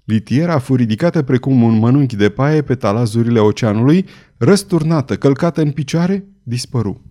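Male narrator, historical novel, theatrical, emphatic, mid pitch. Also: warm tone. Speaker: audiobook narrator. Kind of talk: dramatic historical novel reading.

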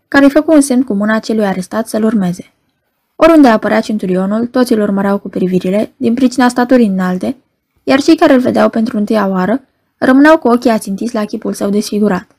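A woman reading a novel aloud in steady, measured scripted narration. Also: a little high. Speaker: audiobook narrator.

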